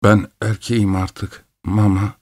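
A man voicing a tired but firm young man in an audiobook, speaking flat and steady. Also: on the low side, slow, no room sound. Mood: weary. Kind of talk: audiobook reading.

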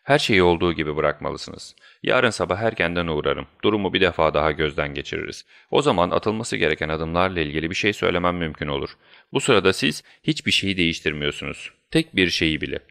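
A man voicing a shrewd, composed male detective who speaks in a measured, commanding way, in a deep voice. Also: lively intonation, gravelly, a bit bright, full character voice.

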